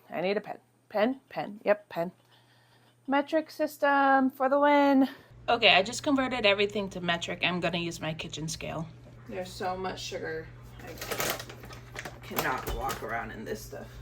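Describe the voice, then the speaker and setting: A young American woman with a congested voice chats casually in her home kitchen for a vlog, talking to herself as she works in a chatty, self-deprecating way. Her voice is fairly low and a bit bright, her pace moderate, with slight background noise.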